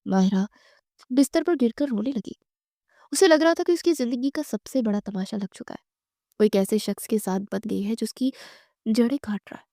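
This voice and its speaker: A woman's voice: on the high side, dry recording, studio quality. Woman narrating a bedtime story. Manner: dramatic, expressive reading.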